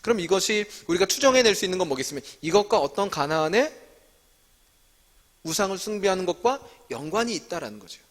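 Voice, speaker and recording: A man with a fairly high voice teaches scripture to a gathering and keeps asking questions and then answering them himself. His voice rings in a church hall with a long reverb tail. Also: lively intonation, quick pace. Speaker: staff teacher leading a Bible study. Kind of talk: interactive sermon teaching.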